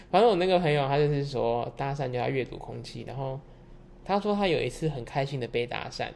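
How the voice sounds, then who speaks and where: A young man with a Taiwanese Mandarin accent tells stories in a relaxed podcast chat, loose and candid, with casual swearing. His voice sits in a middle pitch with a gravelly, creaky edge. A faint hum of noise runs underneath. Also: quick pace. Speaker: podcast host.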